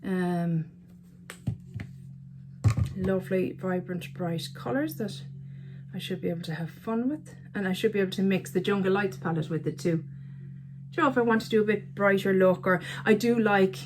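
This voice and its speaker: A woman's voice: mid-range voice, normal speed, music in the background. A woman chatting casually to camera as a beauty vlogger, chatty and self-mocking, often talking to herself. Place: at home by a counter.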